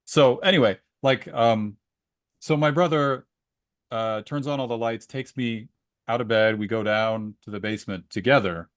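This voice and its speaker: This podcast co-host, a man with a medium-pitched voice, speaks at a normal speed while chatting casually about books, sharing stories and performing snippets of remembered conversation. The sound is dry and clean, as from a studio.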